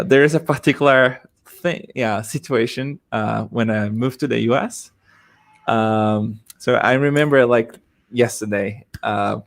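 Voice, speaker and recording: A man who learned English as a second language, chatting on a panel and telling a self-deprecating story with many fillers. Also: medium pitch. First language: not English. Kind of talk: casual panel chat.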